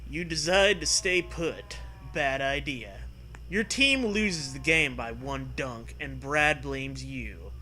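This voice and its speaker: Slow and forceful, a man with a bright, medium-pitched voice reads a choose-your-own-adventure story for laughs, slipping in crude, jokey riffs with theatrical delivery. A little hiss or hum sits in the recording.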